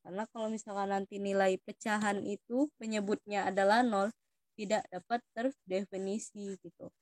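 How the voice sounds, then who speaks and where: A woman's voice: medium pitch, fairly even intonation, moderate pace, a little mellow, no room sound. A young woman with an Indonesian accent, patiently explaining math test questions to students as a tutor. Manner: patient, addresses students as "Dik".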